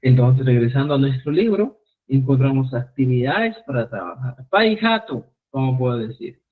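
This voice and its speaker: A man teaching a live online Quechua class, repeating phrases slowly for students. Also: mid-range voice, animated. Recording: phone-like narrow sound.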